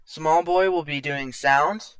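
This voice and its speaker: A man's voice: on the high side, slow pace, a bit bright, clean tone, dry recording. A young man hosting a gaming video, chatting casually and playfully into a headset mic at his home setup. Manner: rambling, playful, talks over gameplay. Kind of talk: casual gameplay chat.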